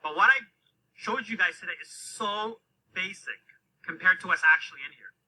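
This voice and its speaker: A man speaks as a guest instructor on a live video call. His voice is slightly high and very bright, and he explains technical points in a quick, casual way. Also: husky, rough recording. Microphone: video call microphone.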